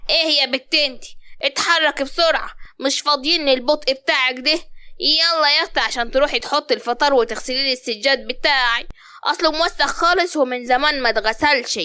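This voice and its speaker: A woman's voice: high-pitched, fast, pushed and bright, dry recording. An actress playing a harsh, bossy older mother-in-law with an Upper Egyptian accent, scolding and giving orders. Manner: scolding, commanding.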